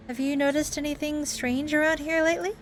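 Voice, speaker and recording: A woman's voice: sits high, steady tone, a little fast, a little hiss or hum. Woman reading video game dialogue over music. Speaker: video game playthrough host. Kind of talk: reading game dialogue aloud with amateur voice acting. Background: music under the voice.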